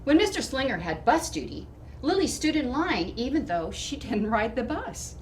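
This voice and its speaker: A woman reading a storybook to children in expressive narration, with deliberate, emphatic phrasing. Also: fairly high pitch. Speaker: storybook reader. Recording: distant mic with clear background noise.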